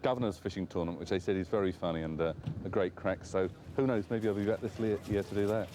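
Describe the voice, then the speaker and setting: A man's voice: low voice, fast, background noise. A man, a visiting travel writer, chatting casually in an outdoor interview and rambling through plenty of fillers. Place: outdoors on a frozen lake.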